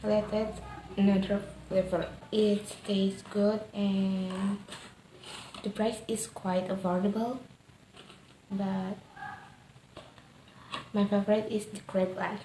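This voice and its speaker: A woman with an Indonesian accent doing a casual food review vlog in simple, halting non-native English. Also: medium pitch, level tone, warm tone. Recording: echoey room with faint background noise.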